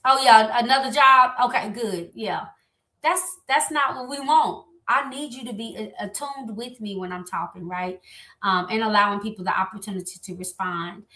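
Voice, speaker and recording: Bright, lively woman in a roomy space. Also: medium pitch. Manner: lively, animated, talks straight to listeners. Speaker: host. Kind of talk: motivational talk on relationships. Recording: echoey room.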